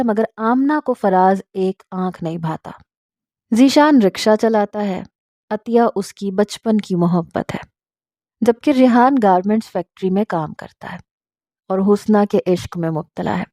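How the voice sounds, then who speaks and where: A woman narrating a family story in a calm, even way. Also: mid-range voice, normal speed, no echo, clean studio sound.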